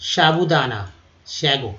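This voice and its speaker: A man's voice: mid-range voice, animated, takes it slowly, sharp tone. A man teaching English vocabulary, repeating each word and spelling it out letter by letter. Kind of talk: spoken vocabulary lesson. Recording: dull lo-fi recording.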